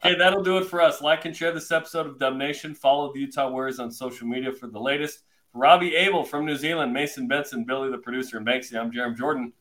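A man's voice: medium pitch, quick pace, a bit bright. A man hosting a sports podcast, upbeat and chatty, reading out stats with the odd filler. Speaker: podcast host.

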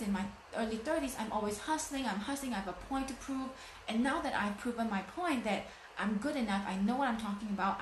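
A woman's voice: a little high, slight background noise. A woman in her late thirties giving a motivational talk, emphatic and fond of repeating phrases for effect. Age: 30s. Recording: echoey room.

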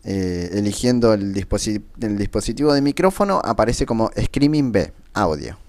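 A man giving a casual spoken software tutorial into his computer's built-in microphone, with frequent fillers. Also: fairly low pitch, expressive, normal speed, no echo. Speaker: tutorial presenter. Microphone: computer's built-in default microphone.

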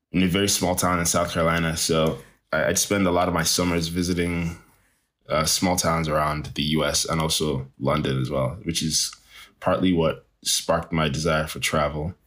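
Deep husky-voiced man, animated. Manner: animated, laughs often, restarts. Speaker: travel photographer. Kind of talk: casual interview chat.

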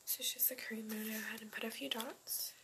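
A woman doing a whispered role-play as a caring best friend giving a facial, in a soft, breathy spa whisper. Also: on the high side, steady tone, fast talker. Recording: very noisy recording with clicks.

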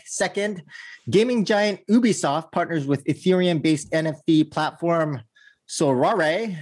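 Male podcast host, casual introduction, informal chat. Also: high-pitched.

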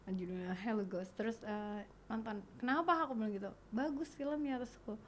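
A woman's voice: medium pitch, quick pace, slight background noise. A woman in her thirties chatting casually, telling a personal story with acted-out dialogue and bits of English. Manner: animated, acts out dialogue, mixes in English. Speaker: guest.

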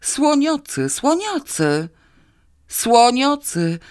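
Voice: very animated, extremely slow, clean tone, exaggerated voice. A reader putting on a panicked drunk man. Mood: terrified. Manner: shrill terrified shouting. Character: panicked drunk man seeing a pink elephant.

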